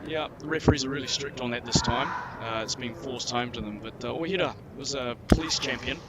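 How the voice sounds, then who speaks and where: A man's voice: medium pitch, brisk, very noisy. A man with a New Zealand accent giving casual, chatty co-commentary on a sports match. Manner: chatty, casual, uses "mate" and "sort of like".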